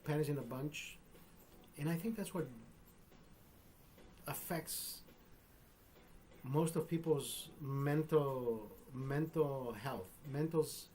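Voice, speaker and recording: A man's voice: on the high side, mellow, a little hiss or hum. A man in his fifties hosting a live stream, telling a long dirty joke in loose, profane casual talk, often laughing and adding "bro" and "right?". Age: 50s. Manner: laughs often between lines.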